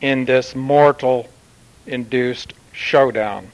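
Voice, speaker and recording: A man channeling a solemn male Martian commander who addresses Earth in formal, measured pronouncements with long pauses. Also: mid-range voice, fairly even intonation, highs cut off. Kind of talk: channeled spiritual message.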